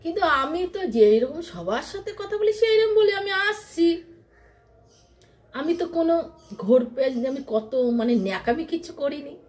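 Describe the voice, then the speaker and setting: A woman's voice: high-pitched, animated, fast, a little mellow. A woman vlogger chatting casually to her followers from home, rambling and repeating herself, often mimicking how other people talk.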